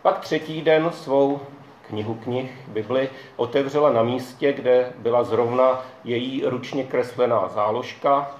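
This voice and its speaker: Calm male narrator in an echoey room. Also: mid-range voice, a little hiss or hum. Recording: dull echoey room, faint ambience.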